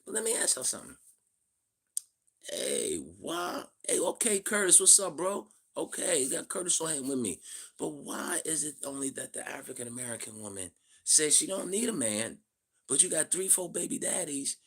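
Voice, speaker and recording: A man in his fifties hosts a live stream in a blunt, profane, preachy monologue. His voice is gravelly and husky, with a rough edge to every line. He greets viewers in the chat between his points. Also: fairly high pitch, big pitch swings, normal speed, fairly bright tone. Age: 50s. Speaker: livestream host. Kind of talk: livestream monologue.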